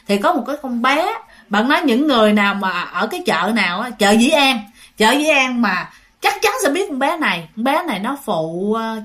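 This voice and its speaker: A woman's voice: fairly high pitch, fairly bright tone. Chatty woman telling ghost stories. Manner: chatty, addresses listeners directly, repeats phrases. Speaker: ghost story teller. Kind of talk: casual spoken storytelling to listeners.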